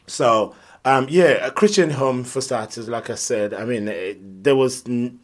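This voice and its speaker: A man's voice: medium pitch, a little slow. A man, talking earnestly and reflectively as an interview guest. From Nigeria. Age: 50s. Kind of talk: conversational interview.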